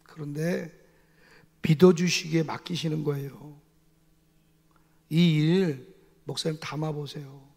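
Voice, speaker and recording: A male pastor voicing his wife as a gentle, comforting woman who quietly reassures her husband. He speaks softly and in a hushed tone, a little lower and quieter than his usual voice. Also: vocal fry, long reverb tail.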